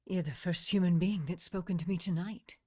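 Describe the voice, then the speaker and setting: A woman's voice: lowish voice, fairly even intonation, brisk, darkish tone, lightly acted. A woman playing a seductive, commanding witch in a vintage-style radio drama, teasing and imperious, with intimate asides. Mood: coy, seductive.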